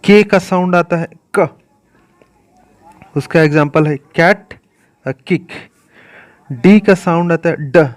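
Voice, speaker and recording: A man with an Indian accent teaching English pronunciation in a classroom style, speaking slowly and repeating each sound and its examples. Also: a little high.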